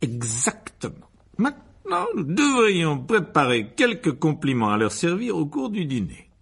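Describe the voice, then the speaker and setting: A man voicing a pompous, blustering middle-aged uncle in an audiobook, with slow, booming emphasis. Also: huge pitch swings, creaky, fairly bright tone, husky, exaggerated voice. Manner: booming, self-important, slow emphatic delivery.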